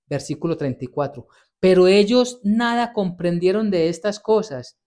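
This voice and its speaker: Guy preaching a bible sermon, earnest, slow emphatic bits, pleading prayers over and over. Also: sits high, dark tone. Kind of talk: sermon expounding a Bible passage.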